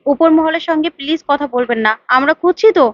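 A woman's voice: sits high, fast, dry recording, dull audio, close to an everyday voice. A woman reading the lines of a determined, level-headed young heroine in a retold TV serial. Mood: earnest. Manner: earnest, explaining.

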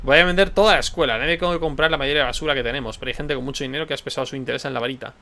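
A man's voice: mid-range voice, steady tone, racing, vocal fry, bright, forceful tone. A man voicing a curt, dismissive middle-aged headmaster in a text adventure. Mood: cold. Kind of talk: reading a text adventure aloud with voices.

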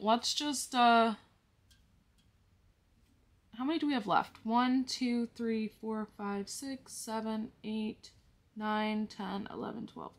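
A woman's voice: on the high side, creaky. A woman vlogging about her budget, explaining each step to viewers in a casual way and counting money aloud as she goes. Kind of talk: casual talk-through to the viewers.

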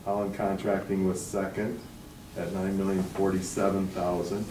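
Recorded from a distant camera in an echoey room with some hiss, a man with a low-pitched voice presents bids to a school board. The architect stands and speaks at a moderate pace, formally and steadily explaining each item and reading the prices aloud.

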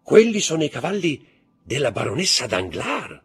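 A man reading aloud who plays a mysterious nobleman, courteous, polished and measured. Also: a little high, huge pitch swings, breathy edge, pitched above the performer's own voice, heavily acted. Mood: cold courtesy. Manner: polished and measured, icily cold at times.

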